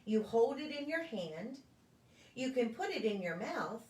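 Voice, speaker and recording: A pastor reads a picture book to preschoolers in a sing-song, deliberate storytelling voice that sits a little high, a bit mellow, with big pitch swings. She's heard from some distance in an echoey room, and the highs are cut off.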